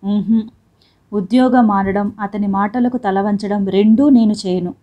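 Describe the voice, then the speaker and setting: A woman's voice: fairly high pitch, fairly even intonation, moderate pace, dark tone, lo-fi sound, close to an everyday voice. A woman reading the part of a proud young working wife who argues back sharply and indignantly.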